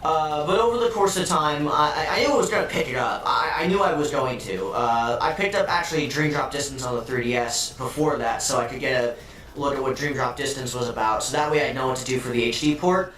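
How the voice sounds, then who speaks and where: A man reviewing a video game in a casual, excitable and sarcastic way, swearing freely, his voice doubled into a robotic, phasey sound. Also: medium pitch, brisk, slight background noise. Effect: doubled, phasey robotic-sounding audio from an editing mistake. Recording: echoey, distant, doubled audio with faint music.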